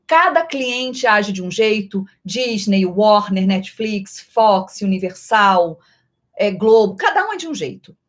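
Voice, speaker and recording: A middle-aged Brazilian woman, a voice actress, answering viewer questions in a playful live-stream chat that often shifts in loudness and speed. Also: mid-range voice, sing-song, slow. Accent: Brazilian Portuguese.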